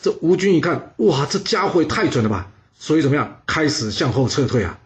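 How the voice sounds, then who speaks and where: A man telling a historical story in a lively, animated way, full of exclamations and chatty asides. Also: on the high side, brisk.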